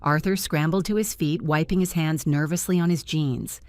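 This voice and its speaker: Low-voiced woman narrating a dramatic story. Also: fairly even intonation, moderate pace, darkish tone, dry recording, clean studio sound. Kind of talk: first-person scripted story narration.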